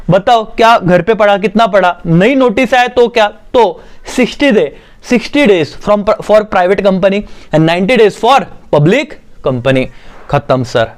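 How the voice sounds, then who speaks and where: A man teaching a commerce exam-prep lesson, who dictates slowly and then explains quickly. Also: high-pitched.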